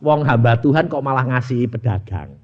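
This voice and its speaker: Male pastor, Javanese accent, lively pitch, storytelling sermon, dull lo-fi sound. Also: moderate pace. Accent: Javanese Indonesian. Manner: animated storytelling, switching into dialogue voices. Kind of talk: sermon with acted-out anecdote.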